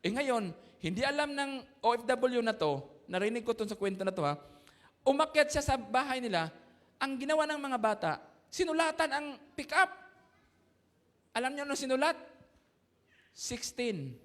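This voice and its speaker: A Filipino man preaches from the pulpit in a very high voice. He tells his story with jokes, acts out voices and laughs along with it. His voice rings through a church with a long, lingering echo. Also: sing-song, moderate pace, long pauses, fairly bright tone. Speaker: pastor. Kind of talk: sermon. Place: church sanctuary.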